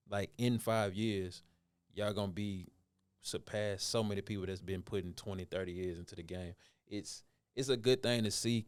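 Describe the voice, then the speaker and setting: A man's voice: low voice, clean tone, dry recording. A man in his thirties interviewing an artist in a laid-back, rambling way, full of slang. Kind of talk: casual interview.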